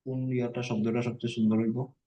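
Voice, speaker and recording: A man's voice: mid-range voice, flat delivery, fast talker, warm tone, lo-fi sound. A man teaching an online lesson, patiently coaxing his student and breaking words into syllables.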